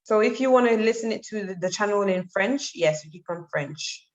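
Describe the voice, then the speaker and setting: A woman's voice: mid-range voice, lively intonation, normal speed. A woman on an online call giving casual, helpful step-by-step instructions, correcting herself as she goes. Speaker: event technical helper. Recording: dull online call audio.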